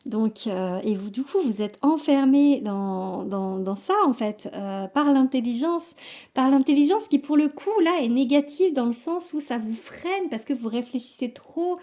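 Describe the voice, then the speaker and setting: Woman medium, high mellow voice, chatty tarot reading with lots of fillers. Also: animated, measured pace. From France. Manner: chatty, reassuring, many fillers and restarts. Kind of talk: casual spoken card reading to camera.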